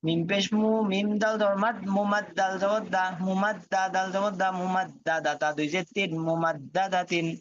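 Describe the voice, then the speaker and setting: High-voiced man chanting a spelling lesson. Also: moderate pace, hardly any pauses. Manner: spells out letters and vowel marks in a steady chant, then reads the whole word. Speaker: Quran reading teacher. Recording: dull dry lo-fi audio.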